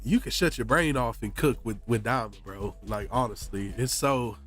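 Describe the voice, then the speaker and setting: A man's voice: mid-range voice, moderate pace, a bit bright, faint music behind. Stuffy-nosed man chatting casually on stream. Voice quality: congested, stuffy nose. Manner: slangy, often says "bro". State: sick with a blocked nose. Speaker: game streamer. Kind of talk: casual chat to stream viewers.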